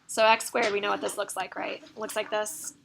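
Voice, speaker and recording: A woman math teacher lectures her class step by step, often checking in with "right?" while her voice is slightly going. She speaks fairly quickly in a mid-range, fairly flat voice with vocal fry and a bit of brightness. There's a faint hiss or hum in the recording.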